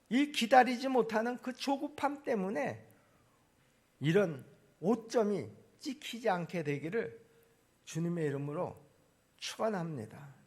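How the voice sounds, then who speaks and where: Gravelly, husky Korean pastor preaching. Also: male voice, sits high. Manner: preaching with sudden swings between loud emphasis and quiet asides. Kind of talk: sermon. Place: church sanctuary.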